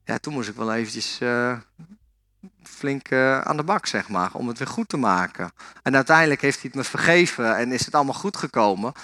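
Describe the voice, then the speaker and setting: A man's voice: medium pitch, animated, normal speed, sharp tone. A man preaching in a church, telling stories and talking directly to the people in front of him. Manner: storytelling, addresses the audience directly. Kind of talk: sermon.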